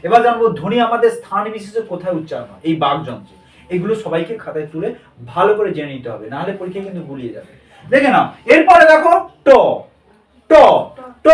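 Teaching a grammar lesson, this man drills his students through call-and-response questions, then repeats their replies back to them. His voice is high. The recording sounds echoey, with the microphone placed far away.

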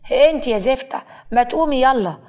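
A woman in Egyptian Arabic voicing a stern, quick-tempered young husband who talks in curt threats, in a storybook tale. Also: medium pitch, a little mellow, lightly acted.

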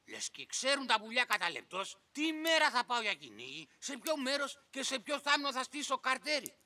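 A man playing a grumpy, blustering village bird-catcher in a children's radio play, grumbling and quick to rage. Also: very high-pitched, sing-song, bright, forceful tone, full character voice.

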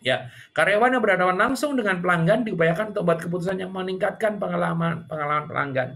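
A man giving a seminar talk on customer service, chatty and repetitive, acting out customers and staff in higher voices. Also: fast talker, gravelly, sharp tone. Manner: conversational, repeats key points. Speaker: speaker on service culture.

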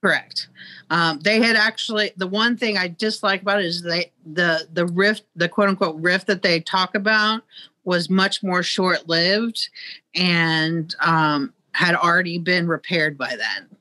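A middle-aged woman talks over a video call from inside a museum. Her voice is bright and sharp, and she comes across as knowledgeable but pauses with frequent ums. The sound is dry, with very little room. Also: lowish voice, no echo. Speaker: museum guide. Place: museum exhibit room, indoors. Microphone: video call, webcam.

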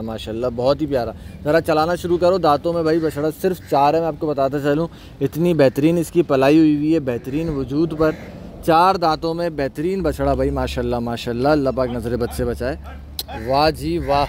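कराची के उर्दू लहजे वाला एक आदमी, बाहर के फार्म पर जानवर दिखाते हुए कैमरे के पीछे से कमेंट्री करता है, बार-बार माशाल्लाह कहता है और संभालने वालों को बछड़ा चलाने के निर्देश देता है।. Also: male voice, mid-range voice, darkish tone, slight background noise. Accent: Karachi Urdu. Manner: keeps saying mashallah, calls out orders to handlers. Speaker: cattle market vlogger. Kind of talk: off-camera commentary showing livestock. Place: outdoor cattle farm yard.

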